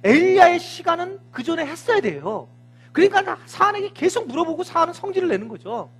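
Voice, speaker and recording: A man's voice: very high-pitched, big pitch swings, fairly quick, creaky, a bit bright, soft background music. A man, a senior pastor, preaching a Sunday sermon with vivid storytelling, sound words and acted dialogue.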